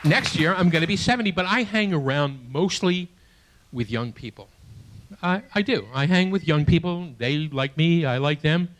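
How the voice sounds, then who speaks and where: A man in his late sixties performing a stand-up comedy set in a small theater, with a halting, self-deprecating delivery full of restarts, and audience laughter behind him. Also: fairly high pitch, lively intonation, a bit bright, a faint crowd. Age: 60s. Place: small theater stage before a live audience.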